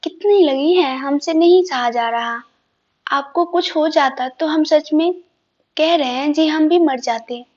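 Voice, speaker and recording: A woman voicing a tearful, devoted young wife who pleads and scolds softly in a storybook reading; dull lo-fi sound. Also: high voice, unhurried. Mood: tearful pleading. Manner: pleading, tearful, formal "hum" speech.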